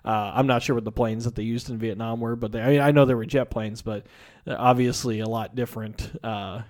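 A man's voice: mid-range voice, fairly quick. Casual man retelling a movie. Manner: animated storyteller, acts out characters' lines.

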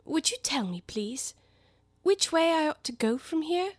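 A woman's voice: very animated, unhurried, no room sound. Woman voicing Alice, a polite, curious little girl. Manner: proper, questioning, higher lilting speech.

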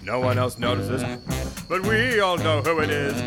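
A man's voice: fairly high pitch, expressive, normal speed, over loud music. A man narrating a comedy audio drama in a scripted, theatrical and wry storytelling manner.

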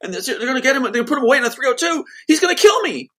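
A man mimicking a manic adult woman who shrieks accusations in a rushed, panicky voice. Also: very high-pitched, lively intonation, bright, forceful tone, pitched above the performer's own voice, exaggerated voice. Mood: frantic.

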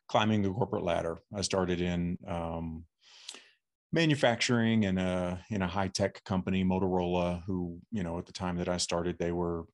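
Deep-voiced middle-aged man from Texas. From Texas, USA. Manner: halting, many fillers and restarts. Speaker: podcast guest. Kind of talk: casual interview storytelling.

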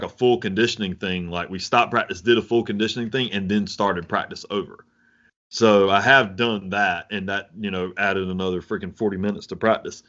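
A young podcast co-host and coach with a fairly low, slightly bright voice chats casually, rambling with lots of fillers and "like"s and laughing easily. The audio is dull and lo-fi.

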